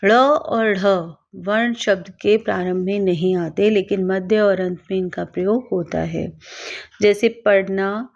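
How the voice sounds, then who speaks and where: A woman teaching a grammar lesson, reading out example words slowly and carefully, one at a time. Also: mid-range voice, fairly even intonation, gravelly. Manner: slow, careful, spells out each example word. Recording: dull lo-fi recording.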